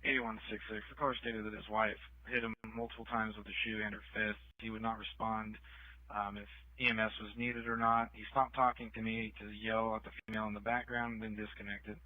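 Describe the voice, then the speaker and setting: A fairly low-voiced man reads out police calls over a radio channel, each line flat and clipped. The transmission is narrow and tinny with no room sound around it. His pitch barely moves from line to line. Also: brisk, dry recording. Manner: flat, clipped dispatch delivery. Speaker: police dispatcher.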